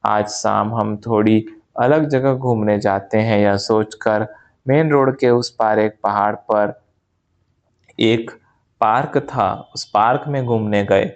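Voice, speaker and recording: Slow, calm male audiobook narrator. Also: fairly low pitch. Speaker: narrator reading a spiritual memoir.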